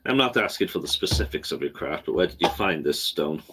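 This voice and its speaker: A man's voice: rumbling low, animated, fairly quick, a bit bright, slightly rough. A man playing a tabletop game, asking careful, probing questions in character. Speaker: player. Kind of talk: tabletop role-play.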